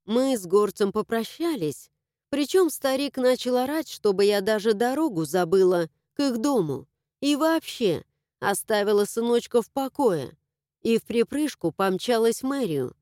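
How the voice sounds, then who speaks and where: A woman narrating a first-person audiobook in a lively, expressive way, close to the mic. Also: a little high, moderate pace, no echo.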